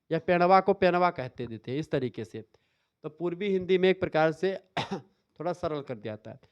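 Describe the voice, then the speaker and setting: A man's voice: high voice, a little mellow, clean tone, no room sound, muffled recording. A male teacher giving an exam revision lecture, explaining step by step and checking in with "theek hai". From northern India. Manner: explanatory, repeats "ठीक है" often.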